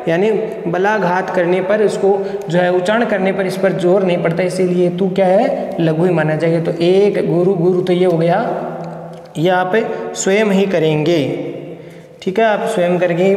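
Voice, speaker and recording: A male college lecturer with a high voice teaches poetry meter, explaining patiently step by step and counting syllables aloud. He sounds like he is in a hard, echoey room where his voice rings with a long reverb. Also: darkish tone. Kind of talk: recorded Hindi poetry lesson.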